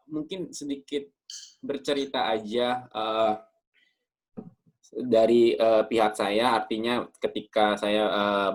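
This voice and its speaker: A young man in a church youth group video call, telling a family story with many fillers and quoted dialogue. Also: mid-range voice.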